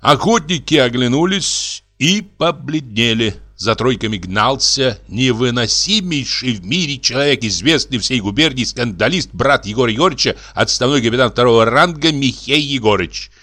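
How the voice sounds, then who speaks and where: A man reading a classic story aloud in an expressive audiobook style. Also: medium pitch, moderate pace, hardly any pauses. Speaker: narrator.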